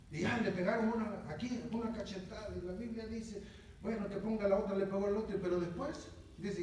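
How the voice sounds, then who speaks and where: High-voiced pastor preaching in a hall. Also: male voice, darkish tone. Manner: conversational, repeats words, often asks "¿verdad?". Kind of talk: conversational sermon. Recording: very echoey, distant, faint noise.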